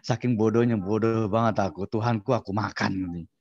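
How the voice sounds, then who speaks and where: Male teacher, lower register, animated storyteller, muffled lo-fi class recording. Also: normal speed. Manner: animated storyteller acting out dialogue. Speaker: Islamic studies teacher. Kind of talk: storytelling lecture.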